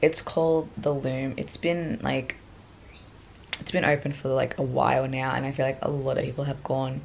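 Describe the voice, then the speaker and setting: A woman's voice: extremely low pitch, level tone, moderate pace, gravelly, darkish tone, slight background noise. A young woman, vlogging in a groggy morning voice, rambling chattily with many fillers. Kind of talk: casual vlog chat to camera.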